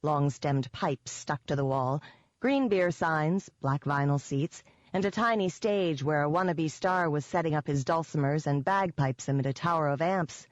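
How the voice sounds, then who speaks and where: A woman's voice: deep voice, moderate pace, no room sound. Wry woman narrating an audiobook. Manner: wry, sardonic. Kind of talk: first-person audiobook narration. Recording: dull, dry audiobook recording.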